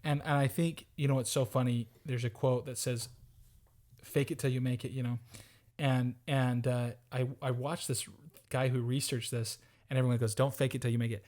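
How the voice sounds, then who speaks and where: A man's voice: mid-range voice, fairly even intonation, moderate pace, a little mellow. Earnest upbeat man on a podcast. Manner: earnest, upbeat, repeats words while thinking. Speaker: podcast co-host. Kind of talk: casual motivational chat.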